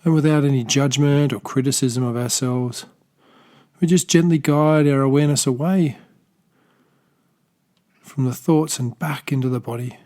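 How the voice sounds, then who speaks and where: A male meditation teacher with an Australian accent takes listeners through a body scan in a steady, soft, slow voice of medium pitch. His guidance is gentle and unscripted, with small restarts and long pauses between loosely phrased directions.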